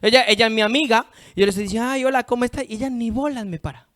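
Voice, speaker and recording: High-voiced preacher with big swings. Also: male voice, very fast. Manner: emphatic, swings from loud to hushed; reads scripture aloud. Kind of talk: sermon.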